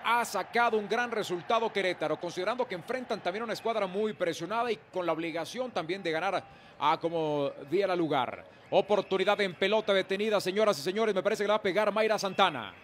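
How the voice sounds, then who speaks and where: A man with a Mexican accent doing play-by-play football commentary, with emphatic, excited goal calls. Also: sits high, fast talker. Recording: clear stadium noise behind commentary.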